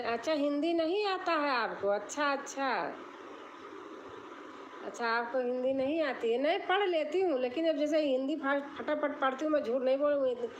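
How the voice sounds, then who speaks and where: A woman's voice: high-pitched, slight background noise, low-quality recording. A woman hosting a casual live stream, greeting viewers by name and reading their comments aloud. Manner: chatty, warm toward viewers, reads comments aloud.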